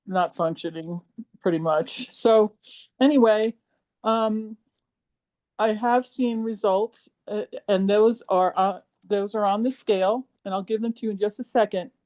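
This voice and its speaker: Halting, mellow-voiced woman in her seventies. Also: mid-range voice. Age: 70s. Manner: emotional, halting with frequent ums. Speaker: program participant. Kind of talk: personal testimonial.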